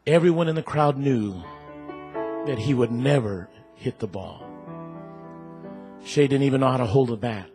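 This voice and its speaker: A man telling a parable to a church congregation, with deliberate, slow storytelling that builds in excitement. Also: medium pitch.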